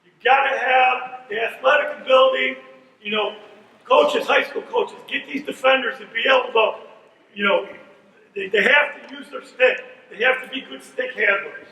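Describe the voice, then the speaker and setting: Man coaching at a clinic, middle-aged, very high voice, tense bright tone, far from the mic in a big echoey hall. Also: moderate pace, slight background noise. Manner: direct, punctuates points with "okay?". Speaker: college lacrosse coach. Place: large room at a coaches' clinic.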